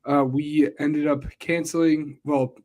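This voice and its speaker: A man's voice: on the high side, level tone, takes it slowly, a little mellow. A young man co-hosting a casual podcast, talking loosely with lots of "like" and "uh" and cracking jokes. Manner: loose, filler-heavy, joking. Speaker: podcast co-host. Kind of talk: casual chat.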